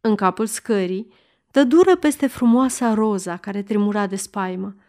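A woman reading a historical novel aloud in a measured, steady narrating voice. Her pitch sits at an ordinary middle level, and she lets the sentences unfold at an unhurried pace.

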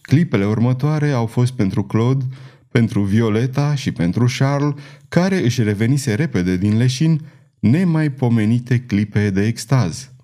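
Man narrating an audiobook, dark mellow voice, dramatic measured reading. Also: mid-range voice, animated. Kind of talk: scripted narration.

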